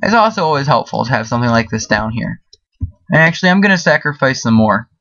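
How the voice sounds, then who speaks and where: A man's voice: medium pitch, sing-song, fast talker, bright, forceful tone, dry recording. Man, casual gameplay commentary, chatty and rambling, dry close sound, slightly dull recording. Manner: chatty, rambling, full of fillers. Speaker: gaming video host. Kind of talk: casual let's-play commentary.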